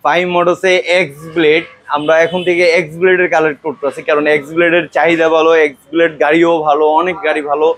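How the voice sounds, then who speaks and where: High-pitched Bangladeshi used-bike salesman. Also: flat delivery, quick pace, few pauses, fairly bright tone, no room sound. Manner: salesman's patter, repetitive boasting. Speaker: used motorbike dealer. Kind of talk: unscripted showroom sales pitch.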